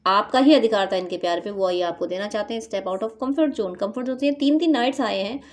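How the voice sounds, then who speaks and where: A woman's voice: medium pitch, quick pace. A woman giving a tarot reading, talking animatedly and acting out what people would say. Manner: animated, acts out quoted lines with laughs. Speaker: tarot reader.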